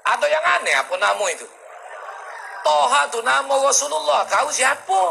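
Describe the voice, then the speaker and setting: Gravelly high-voiced preacher. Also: male voice, animated, normal speed, background noise. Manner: jokey storytelling with acted-out quotes. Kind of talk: humorous sermon.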